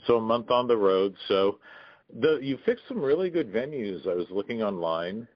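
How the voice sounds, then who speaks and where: Lively low-voiced male interviewer. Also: normal speed, no echo, muffled recording. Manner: curious, friendly questioning. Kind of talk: casual interview chat.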